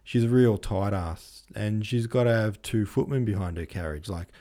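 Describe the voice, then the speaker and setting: A man's voice: on the low side, normal speed, dark tone, lightly acted. A man doing a crude rambling Prince Hippolyte. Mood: rowdy. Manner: rambling, slangy, vulgar. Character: Prince Hippolyte, a crude blokey young aristocrat.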